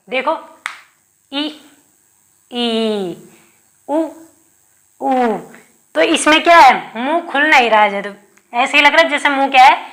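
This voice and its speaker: A woman's voice: sits high, a bit bright. A woman teaching Hindi grammar in an exam-prep lesson, asking her class questions and answering them herself while dictating notes. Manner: repeats key terms with rhetorical questions.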